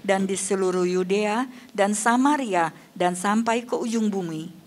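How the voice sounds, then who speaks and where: A woman reading a Bible passage aloud during a church service, at a measured pace. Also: mid-range voice. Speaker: scripture reader.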